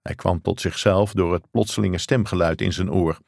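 Low-voiced male audiobook narrator. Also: fairly even intonation, normal speed, vocal fry, darkish tone, dry recording, studio quality. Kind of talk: scripted narration.

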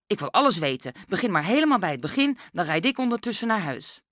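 A curious male teacher asks question after question, as a woman reading aloud puts him on. She drops her voice somewhat for him, though it stays bright. Close, dry sound. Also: medium pitch, big pitch swings, fast talker, no echo. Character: curious, easily startled schoolteacher man.

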